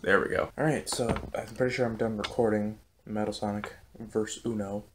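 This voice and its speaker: Recording a casual behind-the-scenes vlog in his small bedroom, a young rap battle creator speaks at a moderate pace in a low, monotone voice. He's loose, self-critical, and swears freely into a studio condenser mic, and the sound is roomy with a faint hiss beneath.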